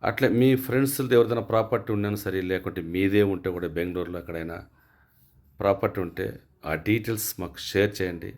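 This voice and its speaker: A man with a very low voice talks straight to the camera as a real estate agent. He repeats his pitch and asks viewers to call him. His delivery is direct and salesy. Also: fast talker, a little mellow. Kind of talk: property tour vlog.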